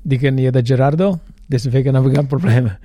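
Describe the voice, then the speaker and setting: A man from Italy with an Italian accent, a pizza stand owner answering interview questions haltingly, with many fillers. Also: mid-range voice, steady tone, mellow, no echo. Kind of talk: casual interview chat.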